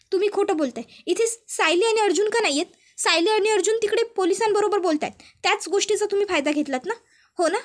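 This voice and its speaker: A woman playing a scared aunt who stammers and begs, very high pitched, pressing and insistent, soap drama retelling. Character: frightened middle-aged woman, stammering and pleading.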